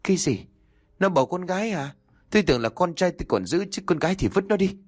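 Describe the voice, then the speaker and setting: A man's voice: medium pitch, very animated, fairly quick, no echo, clean studio sound. A man voicing a cruel, domineering older mother-in-law in an audio story, with a harsh, scolding delivery. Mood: cold, harsh.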